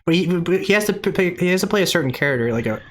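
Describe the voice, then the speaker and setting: A man chatting casually as a panelist on a gaming podcast, animated and excitable, often repeating himself. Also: sits high, rapid-fire, slight background noise. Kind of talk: casual chat.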